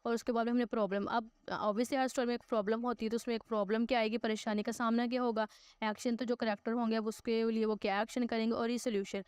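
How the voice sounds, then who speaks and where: A woman teacher talks through an online English lesson in a smooth, clear, fairly high voice. She reads English example sentences slowly and deliberately, then explains them with hesitant fillers and frequent check-ins. The sound is close and dry, with no room echo. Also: little pitch movement, a little mellow. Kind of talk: recorded online grammar lesson.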